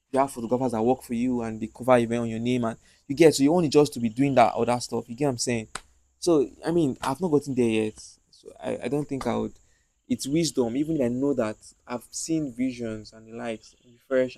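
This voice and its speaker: A young man with a Nigerian accent rambling casually to his own camera, repeating himself and often trailing off quietly. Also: medium pitch, low-quality recording. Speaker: content creator. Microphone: own handheld mic, noise reduction mode.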